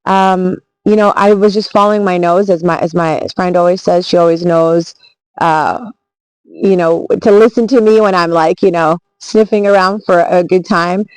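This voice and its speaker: A woman's voice: on the low side, steady tone, moderate pace, darkish tone, clear, resonant tone, no room sound, rough recording. Earnest rambling woman travel vlogger. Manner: earnest, reflective, rambling with restarts. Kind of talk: casual storytelling vlog.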